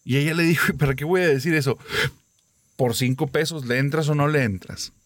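A man's voice: on the high side, brisk, dry recording, studio quality. A man casually retelling a listener's ghost story on a podcast. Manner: casual, lively retelling with many quoted voices.

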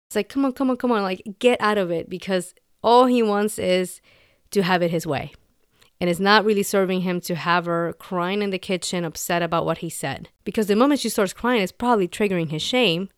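A woman hosting a podcast, talking casually and candidly, acting out quoted lines in short animated bursts. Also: lowish voice, clear, resonant tone, dry recording, studio quality. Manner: candid, animated, quotes dialogue in little acted bits. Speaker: podcast host. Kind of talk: casual commentary.

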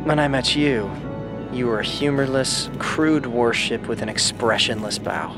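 A man's voice: medium pitch, unhurried, music in the background, natural voice. A man voicing a sentient freighter spaceship in an audio drama, a brash, easygoing adventurer who talks in casual, teasing slang. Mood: affectionate teasing. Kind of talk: audio fiction drama acting.

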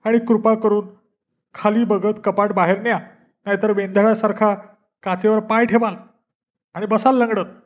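A man voicing a tearful, sharp-tongued middle-aged wife who scolds her husband through her crying, in a storybook reading. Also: high voice, fairly even intonation, a little fast, pitched above the performer's own voice. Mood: tearful scolding. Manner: whiny, scolding through tears. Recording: dull lo-fi recording.

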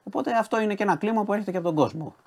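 A man's voice: sits high, darkish tone. A man giving news and sports commentary on a studio show, hesitant, with frequent restarts and hedges. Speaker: studio contributor.

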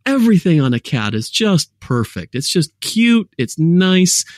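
A man's voice: fairly high pitch, big pitch swings, unhurried, no room sound, clean studio sound. A man with a mixed American accent, a guest telling rambling, jokey stories in a casual interview. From United States.

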